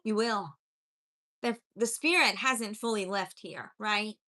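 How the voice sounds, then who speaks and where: A spiritual coach streaming live welcomes viewers and then preaches, earnest and encouraging throughout. She takes her time, speaking with a medium pitch and a bright, forceful tone. Having grown up in many places, she has a mixed accent.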